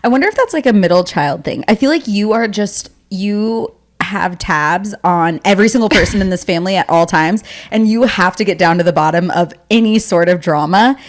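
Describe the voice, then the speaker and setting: A woman's voice: mid-range voice, a little fast. Chatty, teasing woman co-hosting a podcast. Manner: chatty, teasing, casual swearing. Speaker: podcast co-host. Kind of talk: casual chat.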